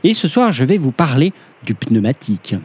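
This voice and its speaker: A man's voice: medium pitch, sing-song, normal speed, breathy edge, highs cut off. A man co-hosting a comic radio parody, speaking in a mock-grand, lecturing manner. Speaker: co-host playing a pompous lord.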